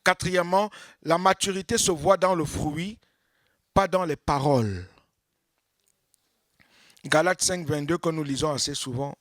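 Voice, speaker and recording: A man preaching a sermon as pastor, acting out little scenes of churchgoers and swinging from loud exclamations to hushed tones. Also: a little high, measured pace, long pauses, dry recording, studio quality.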